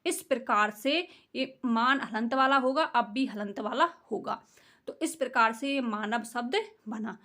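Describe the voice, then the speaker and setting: A woman's voice: a little high, a little slow, bright, forceful tone. A woman teaching a grammar lesson, explaining step by step, asking her students questions and answering them herself.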